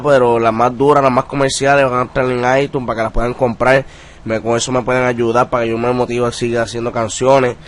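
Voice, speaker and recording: Young puerto rican guy, flat monotone voice, street slang, lots of filler words. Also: mid-range voice. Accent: Puerto Rican Spanish. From Puerto Rico. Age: young adult. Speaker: rapper interviewee. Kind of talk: casual interview talk.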